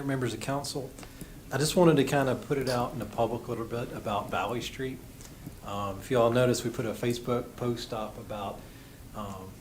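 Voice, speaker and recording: A man giving an informal public report to a town council as a chief. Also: medium pitch. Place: indoor council meeting room. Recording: meeting room with clear background noise.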